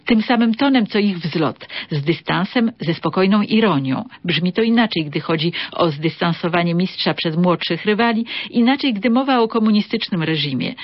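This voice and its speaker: A woman hosting a literary radio show, reading a scripted review in a measured, precise way. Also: on the low side, no room sound. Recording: slightly dull radio sound.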